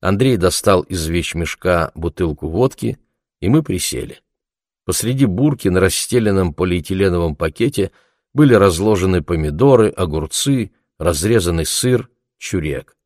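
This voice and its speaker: Deep-voiced man narrating an audiobook. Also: expressive, darkish tone, no room sound, clean studio sound. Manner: measured, reflective.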